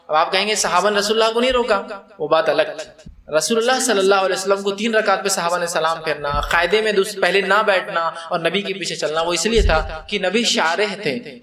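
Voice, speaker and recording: A man teaching a conversational religious lecture, lively and acting out worshippers as he explains. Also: sits high. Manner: lively, acts out people in the mosque.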